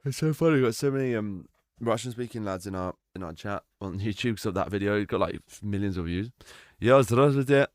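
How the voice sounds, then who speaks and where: A man's voice: lowish voice, fast, dry recording, clean studio sound. A young man chatting casually with his live-stream viewers, easygoing and talkative, calling out names from chat. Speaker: livestreamer.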